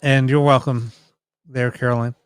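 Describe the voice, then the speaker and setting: On a dry recording, a man with a medium-pitched, clear and resonant voice keeps a level tone at a moderate pace. He hosts a ghost box session live stream, casually chatting and explaining things to viewers in a loose, rambling manner.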